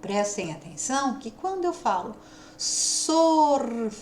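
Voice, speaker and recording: A woman's voice: fairly high pitch, very animated, reverberant, slight background noise. Caipira-accented lady teacher, drags out each syllable for little kids, swoops up and down a lot. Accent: São Paulo countryside (caipira). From São Paulo state, Brazil. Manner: slow, drawn-out sounding of syllables. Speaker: primary school teacher. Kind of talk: video lesson for young children.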